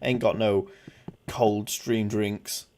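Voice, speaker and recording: A man's voice: fairly low pitch, fairly even intonation, very slow, a little mellow, slight background noise. 20-year-old guy streaming over headset audio. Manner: upbeat, jokey, reading out chat. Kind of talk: casual gaming livestream chat.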